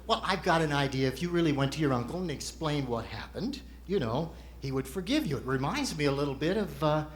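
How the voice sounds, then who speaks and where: A man's voice: fairly high pitch, animated, brisk, slight background noise. A man performing as a ventriloquist's straight man, asking patient, explanatory questions in a conversational stage routine.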